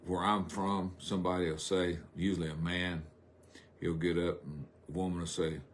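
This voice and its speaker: Deep-voiced folksy preacher man. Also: little pitch movement, slight background noise. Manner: folksy, rambling asides, drawn-out emphasis. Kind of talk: sermon on a live stream.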